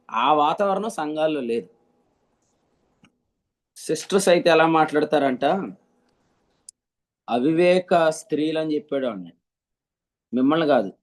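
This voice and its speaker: Preacher, male, slightly high voice, teaching sermon over a call, quizzes his listeners. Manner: questions the listeners, explains with examples. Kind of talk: teaching sermon to an online group.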